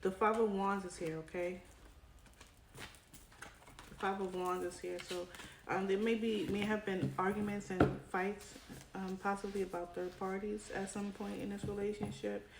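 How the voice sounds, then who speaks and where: Coming down with a cold, a tarot reader talks directly to her viewers in a relaxed reading, her creaky medium-pitched voice flat in pitch and moderate in pace as it tires. She's chatty and keeps tossing in "right?" while cards shuffle and click in the echoey room.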